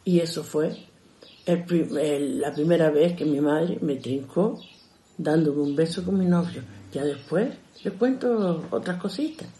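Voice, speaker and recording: An older woman with a low, mellow voice tells stories from her youth at a slightly slow pace, chatty and homely, speaking straight to her listeners. The recording has a roomy echo.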